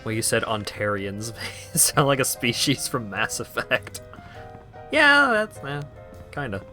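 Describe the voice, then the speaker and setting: A man's voice: on the low side, moderate pace, pushed and bright, soft background music. A man from Canada chatting casually while streaming a game, laughing often and poking fun at himself. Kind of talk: casual gameplay commentary.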